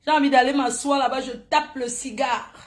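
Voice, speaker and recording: High-voiced woman in a put-on Ivorian accent. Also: steady tone, moderate pace. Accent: put-on Ivorian French. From France. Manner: repeats catchphrases in a sing-song way, laughing often. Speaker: social media streamer. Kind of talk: live stream shout-outs.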